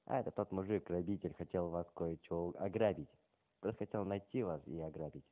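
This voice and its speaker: A man is heard over the phone in a very low voice, playing the prank caller. He talks deadpan and haltingly, and the line is narrow and tinny. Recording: muffled, band-limited phone call audio.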